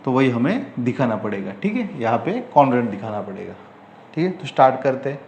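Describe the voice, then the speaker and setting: Indian male math teacher, questioning and repetitive, slow dictation, echoey room. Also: medium pitch, big pitch swings, darkish tone, dull audio. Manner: repetitive, asks the class questions, slow dictation of English terms. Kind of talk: whiteboard math lecture. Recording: echoey room, faint ambient noise.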